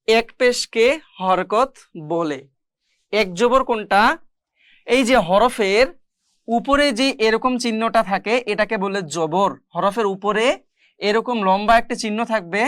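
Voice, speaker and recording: A woman teaching a beginner Quran reading lesson, explaining slowly and deliberately. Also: medium pitch, clean tone, no room sound, clean studio sound. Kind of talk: online lesson.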